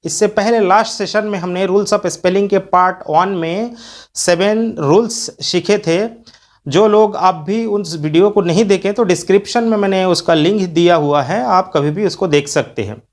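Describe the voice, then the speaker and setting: Indian man spelling out English words. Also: sits high. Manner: patient teaching, spells words out letter by letter. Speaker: English grammar teacher. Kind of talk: video lecture.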